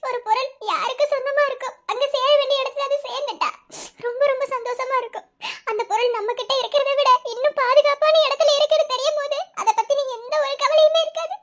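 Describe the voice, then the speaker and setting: A woman voicing a squeaky tearful cartoon foster mother. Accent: Madurai Tamil. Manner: soft, tearful, laughing through sorrow. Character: tender grieving foster mother, middle-aged woman. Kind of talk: cartoon voice acting.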